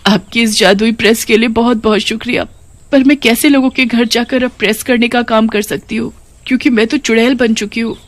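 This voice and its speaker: A woman's voice: on the high side, fairly even intonation, fairly quick, no room sound, pitched above the performer's own voice, natural voice. A woman voicing a grieving mother who has become a witch ghost, pleading and motherly in a cartoon story. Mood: earnest.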